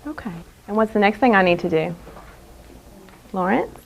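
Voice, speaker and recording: A woman teaching young children in a classroom, speaking in a deliberate, carefully enunciated, instructive way and repeating key phrases. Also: mid-range voice, lively intonation, highs cut off. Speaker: elementary school teacher. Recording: clear background noise in a classroom.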